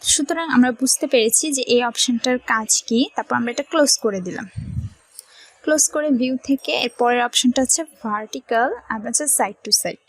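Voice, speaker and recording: A woman's voice: a little high, a little fast, dry recording, poor audio. A woman with a Bangladeshi Bengali accent teaching a computer tutorial, explaining each step and often checking that the viewer is following. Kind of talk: screen-recorded software tutorial.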